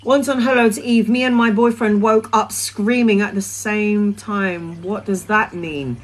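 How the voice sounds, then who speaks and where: Woman, middle-aged, mid-pitch; casual, sweary tarot livestreamer. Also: fairly even intonation, a little slow, poor audio. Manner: chatty, blunt and sweary, with rambling restarts. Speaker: tarot reader answering viewer questions. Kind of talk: casual live-stream chat.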